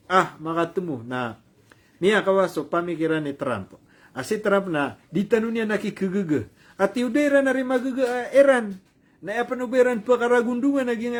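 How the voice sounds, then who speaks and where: High-voiced man giving casual news commentary. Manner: conversational, with fillers and self-corrections; reads English quotes slowly.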